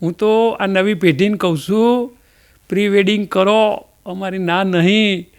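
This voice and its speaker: Male stand-up comic with a Mehsana Gujarati accent, high and smooth voice, folksy and chatty. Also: steady tone, a little slow. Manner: folksy, chatty storytelling with dialect fillers. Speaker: comedian. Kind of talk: stand-up jokes.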